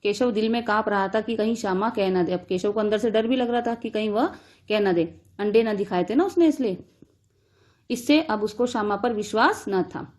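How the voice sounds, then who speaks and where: Lady teacher reading a story lesson out loud, stops to explain each line simply. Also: medium pitch. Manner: reads a line, then restates it in simple words.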